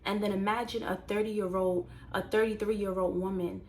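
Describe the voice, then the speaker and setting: A woman in her twenties, casually telling a personal story to viewers and turning it into motivational advice, animated and talking straight to the audience. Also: medium pitch, moderate pace, slight background noise. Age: 20s. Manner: animated, conversational, addresses viewers directly. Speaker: vlogger.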